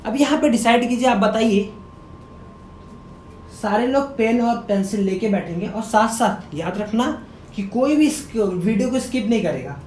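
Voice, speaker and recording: A male teacher giving a grammar lesson, quizzing his viewers by repeating key words as questions and sounding words out slowly. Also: expressive, darkish tone. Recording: echoey room with faint rumble.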